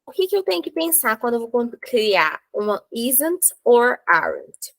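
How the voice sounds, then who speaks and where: Fairly high-voiced woman teaching grammar. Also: very animated, gravelly, fairly bright tone, dry recording, poor audio. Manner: explains step by step, slows to write examples. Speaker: English teacher.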